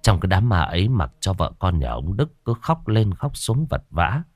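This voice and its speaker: A man narrating a horror story in a dramatic, expressive way. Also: low-pitched, normal speed, no echo, clean studio sound.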